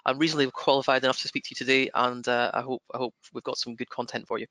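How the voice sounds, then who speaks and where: Bright-voiced man with a broad Scottish accent. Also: mid-range voice, flat delivery, rapid-fire, no echo. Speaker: webinar presenter. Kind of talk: webinar presentation.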